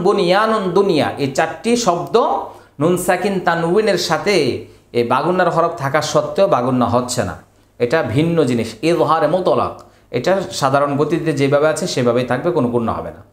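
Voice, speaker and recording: A man teaching Quran recitation. He spells out letters and vowel marks slowly, chants the verses, then explains the rules in quick asides. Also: a little high. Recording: echoey room.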